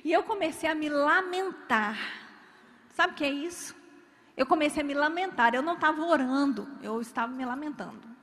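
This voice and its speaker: A woman's voice: high voice, moderate pace, fairly bright tone, in a large hall. A woman preaching a sermon, telling stories dramatically and acting out the people in them.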